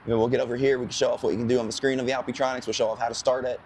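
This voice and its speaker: A hoarse man who is losing his voice, co-hosting outdoors at a charging station in a chatty, rambling way. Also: mid-range voice, level tone, racing, darkish tone, slight background noise. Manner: chatty, rambling, full of fillers. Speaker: co-host. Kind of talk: casual explanatory chat.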